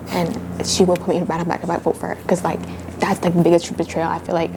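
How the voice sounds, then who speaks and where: Fast-talking candid woman contestant. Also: lowish voice, completely flat delivery. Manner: candid, emotional, quick and rambling. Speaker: reality game contestant. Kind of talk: casual confessional and strategy talk. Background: music.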